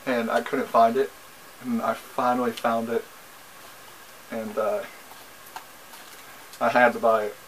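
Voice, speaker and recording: A young man chatting through a casual haul video in a mid-pitched voice, rambling and circling back with frequent ums. He sits in a small bedroom, recorded on the camera's own mic, with a faint hiss in the background. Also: fairly bright tone, low-quality recording. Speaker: vlogger. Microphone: camera mic, seated facing camera.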